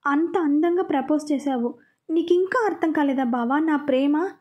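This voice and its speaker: A woman's voice: high-pitched, dark tone, natural voice. A woman voicing a hurt, reproachful young wife in an audio story, pleading and scolding by turns.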